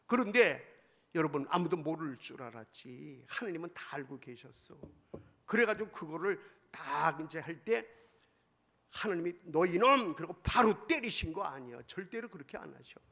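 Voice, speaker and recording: A male pastor preaching a sermon emphatically, swinging between loud exclamations and hushed asides. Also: a little high, lively intonation, normal speed, vocal fry.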